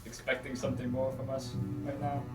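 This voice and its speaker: Player, man, hesitant thinking aloud, roomy echo, loud music behind. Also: mid-range voice, level tone, brisk. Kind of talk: casual table talk.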